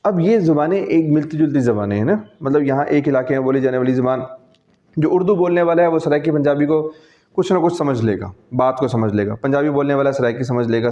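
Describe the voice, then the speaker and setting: This lecture is given by a male teacher with a Pakistani accent, speaking in a warm, medium-pitched voice. His classroom style is conversational and patient, with regular checks that students understand, and the recording is dull and lo-fi.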